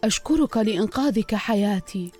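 A woman's voice: medium pitch, lively intonation, brisk, dark tone, faint music behind, pitched below the performer's own voice, lightly acted. Strong kind lion, firm and commanding; woman voicing him. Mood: gentle.

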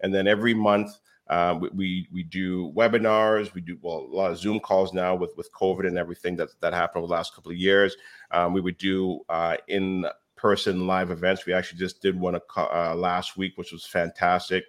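Low-voiced animated male storyteller. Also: a little fast. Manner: animated storyteller, acts out quoted dialogue. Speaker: real estate education company founder. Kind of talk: podcast interview guest.

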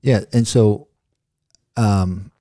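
Low, dark-voiced male podcast host. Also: fairly even intonation, very slow, dry recording, studio quality. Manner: rambling, jokey, goes off on tangents. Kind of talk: casual chat.

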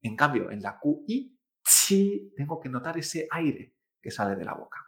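A male Chinese teacher giving a pronunciation lesson, patiently modelling each sound slowly and repeating it, often tagging "¿eh?" and "¿vale?". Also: mid-range voice, lively intonation, bright, forceful tone. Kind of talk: language lesson.

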